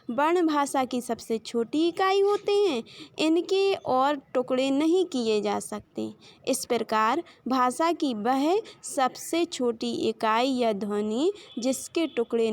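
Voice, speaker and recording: Woman, teacher, children's grammar lesson, high voice, slow and deliberate, letters stretched out, dry close recording. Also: no echo. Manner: slow, drawn-out sounding of letters and example words; addresses the children directly, points to a chart.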